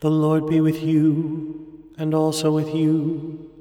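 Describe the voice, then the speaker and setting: A man leading morning prayer, reciting and partly chanting the liturgy in a slow, measured way, his voice carried by a cathedral echo. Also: a little high, monotone, warm tone. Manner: measured, intoning responses and prayers. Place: large reverberant church. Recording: long hall reverb with faint music.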